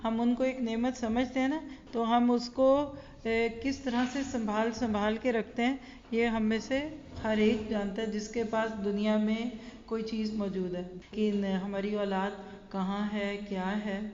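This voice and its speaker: A woman's voice: on the high side, little pitch movement, a little mellow, slight background noise. Earnest woman lecturing in an echoey hall. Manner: earnest, storytelling, addresses listeners directly. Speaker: Islamic teacher. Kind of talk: religious lecture to an audience. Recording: echoey hall, dull sound.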